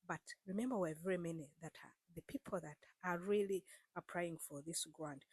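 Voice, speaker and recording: This woman's voice sits on the low side, with a darkish, slightly rough tone and no echo. She's a vlogger talking straight to her viewers in a casual, earnest explainer, repeating herself and coaxing them along with plenty of fillers.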